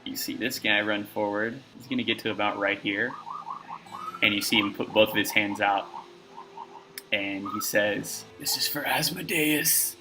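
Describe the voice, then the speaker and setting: A man's voice: on the low side, little pitch movement, moderate pace, long pauses, over music, poor audio. A man narrating a tabletop game as game master, talking loosely with lots of fillers and restarts.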